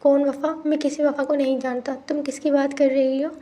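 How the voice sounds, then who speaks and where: A cold middle-aged father turning his daughter away, voiced by a woman reading a novel. The voice sounds high and mellow, with very little rise and fall. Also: level tone, a little fast. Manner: curt, dismissive.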